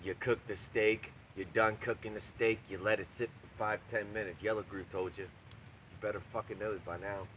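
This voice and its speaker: A man's voice: fairly low pitch, flat delivery, moderate pace, fairly bright tone, a little hiss or hum, rough recording. A man talking casually and profanely like a video blogger, brash and crude, hammering points home by repeating himself. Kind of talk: profane, casual rambling rant to camera.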